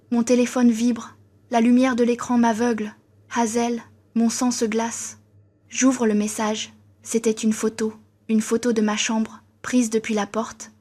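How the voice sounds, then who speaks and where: A woman telling a scary first-person story with a tense, steady delivery. Her voice sits a little high and stays very flat and even, with little rise or fall. It sounds like scripted narration for an animated horror video.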